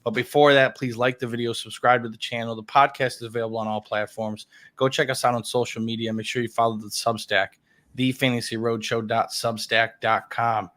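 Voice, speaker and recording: Brief: chatty male podcast host, mid-pitched, casual sports banter. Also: level tone, a little fast, fairly bright tone. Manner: upbeat, chatty, laughs often.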